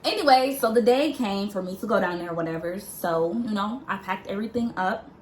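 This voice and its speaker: A woman's voice: mid-range voice, a little fast. A young woman candidly telling her side of how she met her partner, with a teasing edge. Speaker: vlog co-host. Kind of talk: casual storytelling chat. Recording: roomy with faint hiss.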